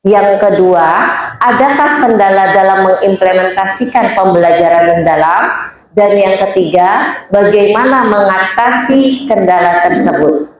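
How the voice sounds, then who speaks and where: A woman's voice: mid-range voice, unhurried. A woman presenting school programs to her colleagues at a staff meeting, speaking to them directly and going through her points in order. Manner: addresses colleagues directly, lists items in order. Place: school hall or meeting room. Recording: very echoey room.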